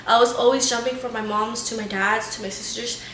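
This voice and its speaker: Her voice slightly high, fairly bright and steady, a young woman in her twenties talks briskly to her camera for a casual storytime vlog. She is a lifestyle vlogger venting and swearing often in her bright home living room and kitchen, and the audio is roomy with slight background noise.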